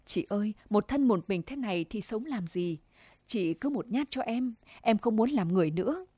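A young village woman begs for mercy in a humble, tearful voice, as a woman reads her part. The tone is soft and mellow, with a dry close sound. She keeps pleading and giving way. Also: medium pitch, lively intonation, moderate pace, slightly rough, no echo.

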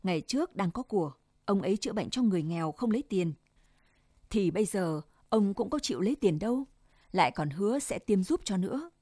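A woman's voice: medium pitch, lively intonation, a little fast, mellow, no echo, clean studio sound, natural voice. A woman reading the part of a stern, insistent old grandmother in a told story, speaking firmly. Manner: firm, scolding.

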